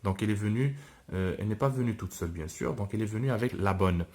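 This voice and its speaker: A man, a French teacher, reads a novel aloud and explains it to his students, pausing often with hesitant fillers and restarts. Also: fairly low pitch, a little mellow.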